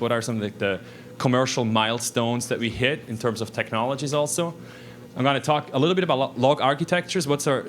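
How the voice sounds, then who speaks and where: A man's voice: mid-range voice, fairly bright tone. A man, giving a technical presentation in a casual way, with frequent restarts and fillers. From Switzerland. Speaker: conference speaker. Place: lecture room.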